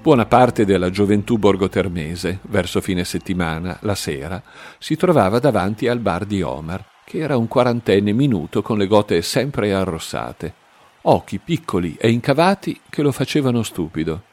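Low-voiced man reading a novel. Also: animated, normal speed, a little mellow. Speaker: audiobook narrator. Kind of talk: read novel narration.

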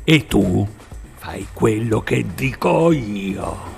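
A man voicing an angry older Italian work boss who shouts and bullies, in a spoken audiobook. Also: mid-range voice, lively intonation, measured pace, creaky, over loud music. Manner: shouting, bullying. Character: furious older Italian boss of a logging job.

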